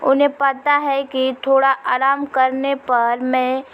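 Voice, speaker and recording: A young woman narrating a first-person family story from a script, in a slow, even storytelling manner. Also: sits high, clear, resonant tone, highs cut off.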